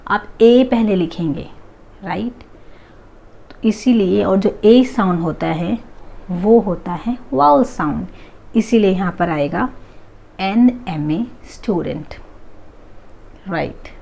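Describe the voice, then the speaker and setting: A woman teaching an English grammar lesson, drawing out each example phrase slowly and clearly. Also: mid-range voice, expressive, warm tone. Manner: slow, drawn-out example phrases.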